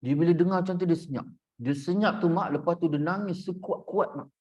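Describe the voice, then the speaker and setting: Man preaching with animated storytelling. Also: high voice, brisk. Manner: addresses listeners directly, animated retelling with acted quotes. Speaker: religious teacher. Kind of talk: sermon storytelling.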